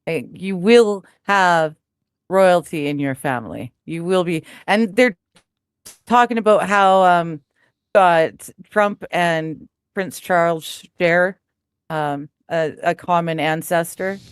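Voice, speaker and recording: Chill guy talking slow on a stream, agrees a lot, dry clean audio. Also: high-pitched, clear, resonant tone, dry recording. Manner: laid-back, agreeable. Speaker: co-host. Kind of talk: casual chat.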